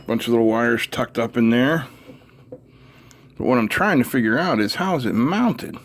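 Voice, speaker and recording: In a noisy room full of clicks, a middle-aged teardown-video host talks through his electronics work in a mid-range voice, a little slowly. It's casual and unscripted, with him muttering to himself as he goes.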